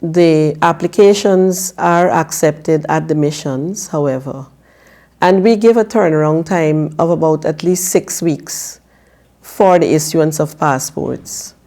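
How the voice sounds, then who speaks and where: Woman, 50s, from Guyana; low, mellow voice; slow, measured interview answers. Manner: measured, careful, with frequent filler pauses. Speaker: political candidate guest. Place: TV studio.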